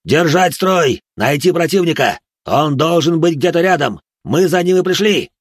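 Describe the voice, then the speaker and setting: A man's voice: mid-range voice, lively intonation, moderate pace, no echo, pitched above the performer's own voice, close to an everyday voice. A man voicing a stern squad leader who barks orders. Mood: commanding. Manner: barking commands. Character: stern middle-aged male squad leader.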